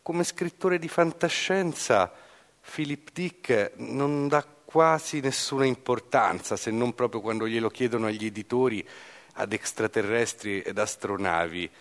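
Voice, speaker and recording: A man giving a thoughtful literary commentary, pausing often with hesitations. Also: medium pitch, big-room sound.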